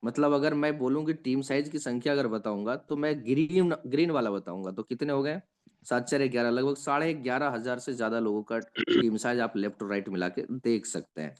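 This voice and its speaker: Brief: male trainer, patient step-by-step screen-share tutorial, mid-pitched. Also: a little fast. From India. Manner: patient step-by-step explaining, often checking in with listeners. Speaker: trainer explaining an app.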